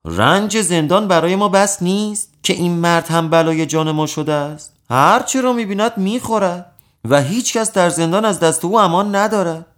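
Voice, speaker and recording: A man's voice: high voice, fairly bright tone, voice pushed up. A man voicing fed-up prisoners pleading to a judge in a storybook tale, his voice raised and pleading. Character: weary complaining prisoners, pleading.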